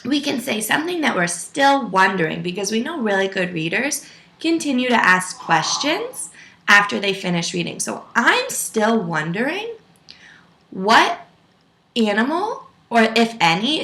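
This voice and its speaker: A first-grade teacher reads aloud to young children in a very animated, mid-range voice that's gravelly and sharp, going a little slowly. She teaches in an enunciated, instructional manner, stopping to pose questions to her young listeners.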